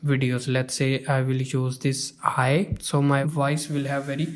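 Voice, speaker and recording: A man giving a step-by-step screen-recorded software tutorial, often pausing on "uh" and "you can say". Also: mid-range voice, completely flat delivery.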